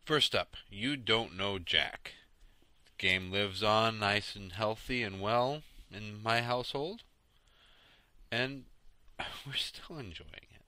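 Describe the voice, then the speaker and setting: A man hosting a casual podcast, talking through his week in games in a relaxed, rambling, sleepy late-night way. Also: lowish voice, takes it slowly, no echo. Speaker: podcast host. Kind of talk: casual solo podcast chat about games.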